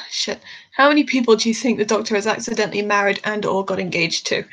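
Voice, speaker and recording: A woman chats loosely to her live stream while drawing, her pitch sitting in the middle. She is a bit tired and rambles from thought to thought, with easy laughter. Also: lively intonation, normal speed, fairly bright tone, low-quality recording. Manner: chatty, rambling, laughs often.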